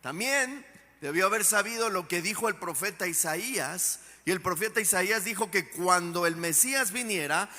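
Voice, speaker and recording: A man's voice: sits high, lively intonation, moderate pace, sharp tone. A male pastor giving an emphatic sermon and asking the congregation rhetorical questions, in a reverberant church hall.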